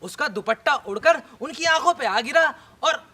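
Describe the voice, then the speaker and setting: A man's voice: very high-pitched, animated, normal speed, pushed and bright, exaggerated voice. A man playing a fussy male neighbor who brings complaints and patiently repeats himself at length. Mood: complaining.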